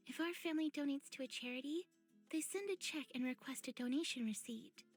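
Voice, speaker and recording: A woman voicing a refined, chatty young woman on a date, well-spoken and gently teasing. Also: high-pitched, brisk, soft background music, lightly acted.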